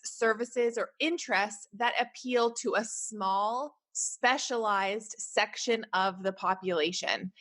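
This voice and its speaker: A woman's voice: on the high side, fairly bright tone. Chatty Canadian woman podcast host. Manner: chatty, encouraging, many fillers like "like" and "right?". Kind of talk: casual solo podcast.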